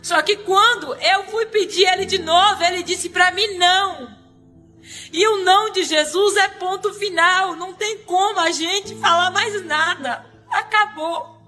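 A high-pitched woman tells her religious testimony in an earnest, dramatic, tearful way. Her voice is bright and clear, and soft music plays faintly behind her. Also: a little slow. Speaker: missionary giving a testimony.

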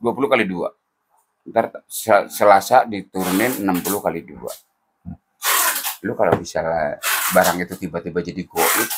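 A man's voice: sits low, moderate pace, long pauses, noisy background. A man co-hosting a casual sales chat, hyping prices with slang. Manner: lively, hypes deals with slang. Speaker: co-host.

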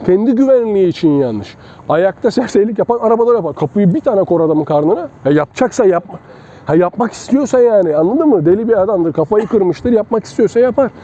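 During a casual outdoor training demo, a male self-defense instructor works through moves with a partner and talks to his students informally. His voice is high yet dark in tone, animated and fast, and the recording is dull and lo-fi, with faint traffic audible.

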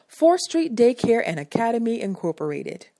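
Woman, scripted voice-over, measured formal reading, fairly high voice, mellow tone. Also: big pitch swings, gravelly, dry recording. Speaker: narrator of a church anniversary video.

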